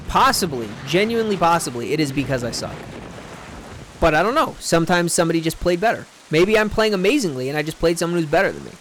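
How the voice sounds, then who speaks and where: A man's voice: fairly high pitch, noisy background. A young man streaming a game, rambling in casual chat and swearing freely. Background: game music.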